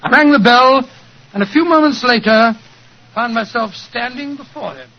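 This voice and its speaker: An actor playing a genial older English doctor and loyal friend, hearty and avuncular, in 1940s radio drama style. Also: male voice, extremely high pitch, moderate pace. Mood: storytelling. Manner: avuncular, hearty, old-fashioned exclamations. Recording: muffled 1940s radio broadcast recording.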